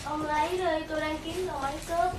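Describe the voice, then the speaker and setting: A woman's voice: sits high, steady tone, brisk. A young woman in casual, bantering chat as a co-host. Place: small decorated indoor room. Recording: echoey room, distant mic, loud background noise.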